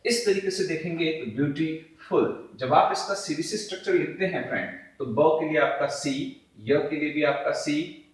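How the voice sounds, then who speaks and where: A man teaching English syllables in Hindi as a video lesson, talking to viewers as friends, asking and answering his own questions, drawing example words out slowly. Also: fairly high pitch. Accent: Indian, speaking Hindi. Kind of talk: classroom-style video lesson. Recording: very echoey room, voice from a distance.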